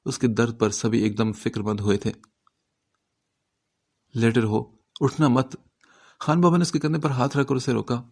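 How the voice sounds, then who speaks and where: A man reading a novel aloud as an audiobook narrator, with a steady storytelling delivery. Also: mid-range voice, few pauses.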